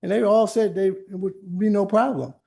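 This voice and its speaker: A man's voice: high voice, fairly even intonation, moderate pace, gravelly, dark tone. An older man, an attorney, giving an informal library talk, telling stories in a chatty way with many restarts and asides. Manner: anecdotal, conversational, frequent restarts and asides. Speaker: attorney and workshop presenter. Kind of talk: informal lecture with personal stories. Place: library meeting room.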